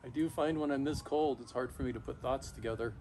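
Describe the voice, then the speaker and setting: A middle-aged man talking casually and haltingly to camera outdoors, shivering in ice-cold water, pausing often mid-thought. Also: medium pitch, warm tone. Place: backyard, outdoors, in an ice bath. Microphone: camera a few metres away. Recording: noisy outdoor recording, ambient hum.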